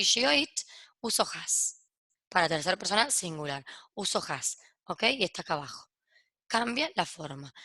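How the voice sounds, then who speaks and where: Bright, dry-voiced woman teaching English. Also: mid-range voice, no room sound. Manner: explains step by step, checks in with "¿ok?" after each point; switches between Spanish explanation and English examples. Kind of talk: recorded grammar lesson for kids.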